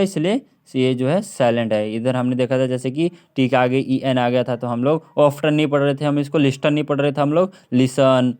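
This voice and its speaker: Male tutor, mid pitch; drills words by repetition, clears throat often. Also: darkish tone. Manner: repeats words over and over, drawn out, with frequent throat clearing. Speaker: English teacher. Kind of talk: classroom lesson on silent letters.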